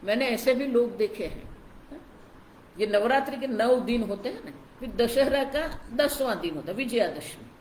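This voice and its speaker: A woman's voice: fairly high pitch, expressive, moderate pace, darkish tone, roomy sound, a little hiss or hum, low-quality recording. A woman spiritual teacher giving a scripture discourse, explaining patiently and often calling her listeners to look closely. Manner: explanatory, repeats "ab dekho" to engage listeners.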